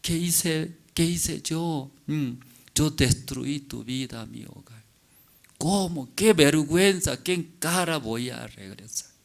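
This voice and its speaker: A man voicing an ashamed, unfaithful wife who reproaches herself, quoted in a slow sermon story. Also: fairly high pitch, expressive, gravelly, exaggerated voice. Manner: self-reproaching, pleading.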